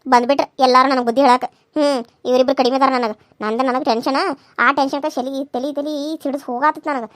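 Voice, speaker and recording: A woman's voice: sits high, fairly even intonation, quick pace, no echo, natural voice. A woman voicing a scheming older village mother in a cartoon serial, muttering sly asides in a North Karnataka accent. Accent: North Karnataka Kannada.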